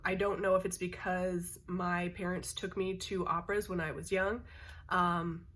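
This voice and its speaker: A woman's voice: fairly low pitch, a bit bright. A middle-aged woman chatting casually to her viewers in a rambling way, with many fillers and restarts. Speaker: vlogger. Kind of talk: casual chat to camera.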